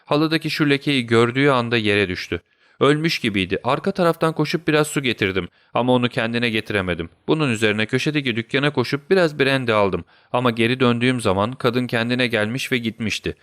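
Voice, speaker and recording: A man's voice: mid-range voice, fast, a bit bright, clear, resonant tone, no echo, studio quality, close to an everyday voice. A man voicing a nervous, apologetic police constable who explains himself in a deferential way in a storybook reading.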